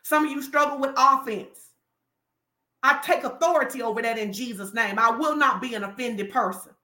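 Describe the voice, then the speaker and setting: A woman's voice: on the high side, normal speed, bright, forceful tone. A woman preaching a fervent sermon, declaring and commanding her congregation in a call-and-response cadence. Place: church hall. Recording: echoey room.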